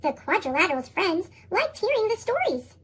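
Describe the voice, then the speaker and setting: A storybook reader whose voice runs through a chipmunk effect, squeaky and sky-high. The reading hops up and down in a lively sing-song and bounces through rhyming verse. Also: moderate pace. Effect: sped-up, high chipmunk-style pitch shift. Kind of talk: reading picture books aloud.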